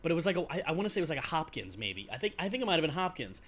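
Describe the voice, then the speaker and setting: A man hosting a casual podcast chat, relaxed and conversational as he tells stories. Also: fairly high pitch, very fast. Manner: relaxed storyteller, easy and conversational. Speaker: podcast host. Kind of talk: casual fantasy football chat.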